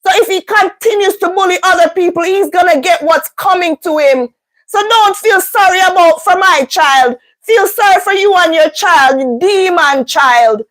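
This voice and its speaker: A woman's voice: extremely high pitch, moderate pace, a bit bright, poor audio. A woman, a vlogger and mother, telling a story casually in an indignant, emphatic way.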